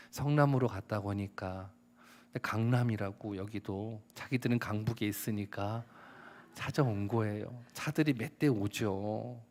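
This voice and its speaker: A middle-aged male pastor preaching a sermon, telling personal stories and acting out quoted dialogue, sometimes rising to a shout. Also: on the low side.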